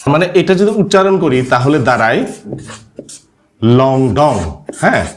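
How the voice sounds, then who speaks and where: Lively-voiced man teaching a language lesson. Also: fast, slight background noise. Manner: frequent questioning "হ্যাঁ?" to check understanding; lively rising and falling pitch.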